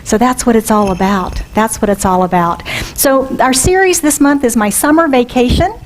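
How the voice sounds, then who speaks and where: Conversational woman minister, higher voice. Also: normal speed, rough recording. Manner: conversational, asks the congregation questions. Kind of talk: sermon. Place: church sanctuary.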